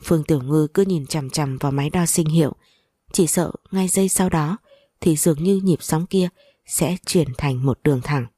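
Low, mellow woman narrating a story. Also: moderate pace, husky, no room sound, clean studio sound. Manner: steady, even storytelling. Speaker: audiobook narrator.

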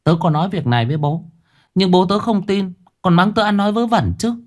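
A man's voice: high-pitched, a little fast, a little mellow, voice pushed up, close to an everyday voice. A man doing a frightened, insistent little village girl.

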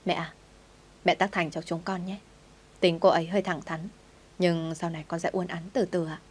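A woman's voice: on the low side, level tone, normal speed, a little mellow, husky. A woman reading the lines of an earnest son of thirty pleading with his mother.

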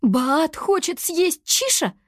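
Сказочный голос: женщина играет нетерпеливую юную волшебницу, очень высоко и звонко, с живыми скачками интонации, сухая запись. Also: female voice, measured pace, no echo, studio quality. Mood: frightened. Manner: excitable, shrill exclamations. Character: impatient lively young girl apprentice wizard. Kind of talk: storybook character voice.

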